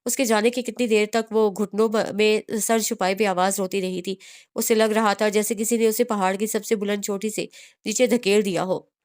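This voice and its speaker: A woman's voice: mid-range voice, steady tone, normal speed, darkish tone. A woman narrating a romance novel as an audiobook, reading steadily with small restarts.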